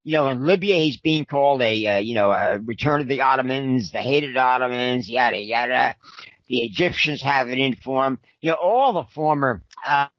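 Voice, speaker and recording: A man's voice: mid-range voice, normal speed, fairly bright tone, dry recording, lo-fi sound. A man co-hosting a discussion show, explaining in long rambling sentences with frequent fillers. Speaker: podcast co-host, analyst. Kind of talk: casual discussion.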